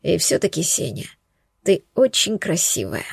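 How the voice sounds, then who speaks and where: Lady reading as a bossy rich husband, low quiet voice, bit gravelly, dry sound. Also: lively intonation, unhurried, dry recording, exaggerated voice. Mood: soft. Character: stern, domineering wealthy husband, adult man. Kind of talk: audiobook character voice.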